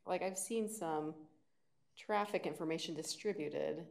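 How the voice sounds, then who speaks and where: Female chair with a low voice, conversationally moderating a public meeting. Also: measured pace, gravelly.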